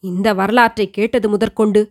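A woman's voice: medium pitch, fairly even intonation, a little mellow, voice pushed down, close to an everyday voice. A woman voicing an elderly, devout queen mother who earnestly recounts her past to her son in an audiobook reading. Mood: reminiscing. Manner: earnest, measured storytelling. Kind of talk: audiobook reading of a historical novel.

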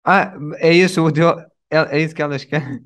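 A man's voice: on the high side, steady tone, a little fast, a bit bright, smooth. A young man, co-hosting a podcast in a casual, slangy and joking way. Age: young adult. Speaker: podcast co-host. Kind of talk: casual chat.

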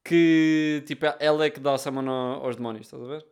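A man's voice: medium pitch, fairly even intonation, fairly quick, darkish tone, clean tone. A young man with a European Portuguese accent, chatting casually as a podcast co-host in slangy speech peppered with English. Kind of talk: casual chat between friends.

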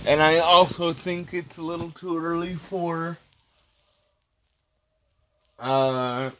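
Very slow, halting man on a podcast. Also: on the high side, steady tone, a bit bright, low-quality recording. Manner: halting, terse, choppy phrases. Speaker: wrestling podcast host. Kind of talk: casual solo podcast review.

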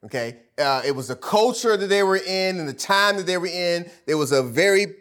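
Male pastor, high voice, emphatic sermon delivery with loud peaks and hushed drops, casual fillers. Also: expressive, a little fast. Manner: preachy, emphatic, rising to loud peaks and dropping to near-whispers; casual speech with fillers and self-corrections.

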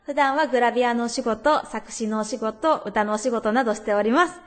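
A young woman introduces herself as a guest on a radio talk show, eager and quick to giggle. Her voice sits high. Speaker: guest, gravure model and lyricist.

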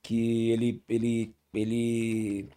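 Speaking slowly in a mid-range voice, this man is a podcast guest spinning stories in easygoing conversation. His talk is thick with slang, and he frequently starts over mid-thought.

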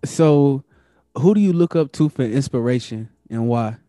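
A man's voice: mid-range voice, expressive, normal speed, warm tone, no echo, studio quality. A man hosting an interview podcast, giving brief, encouraging reactions and asking questions. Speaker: podcast host. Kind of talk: casual interview.

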